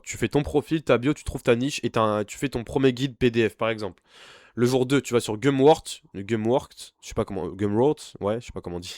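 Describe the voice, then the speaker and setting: A man's voice: medium pitch, dry recording, clean studio sound. A young man working as an online business coach gives an informal screen-share tutorial. He talks bluntly and pushily, straight at the viewer. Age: young adult.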